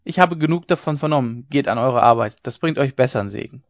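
A man's voice: medium pitch, brisk, no echo, highs cut off, natural voice. A man voicing the stern mistress of a farmhouse, firmly sending the maids back to work. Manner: firm, commanding.

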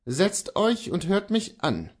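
A man's voice: high voice, wildly swooping pitch, slow, voice pushed up, full character voice. A man reading the part of a proud, defiant male horse dealer turned outlaw, speaking earnestly and insistently.

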